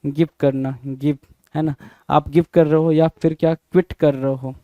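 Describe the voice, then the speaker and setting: A man's voice: a little high, little pitch movement, normal speed, mellow, no room sound, muffled recording. Man teaching vocabulary, spelling words aloud. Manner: repeats words, spells them out letter by letter, asks and answers himself; informal, addresses students as brother. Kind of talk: exam-prep lesson, call and response.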